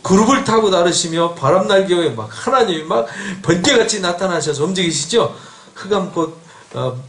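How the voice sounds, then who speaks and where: A middle-aged male pastor preaching an expository sermon in a church, animated and quizzing his congregation with questions. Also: high-pitched, moderate pace. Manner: animated, asks the congregation questions, acts out an angry God. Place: church sanctuary. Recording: echoey church hall.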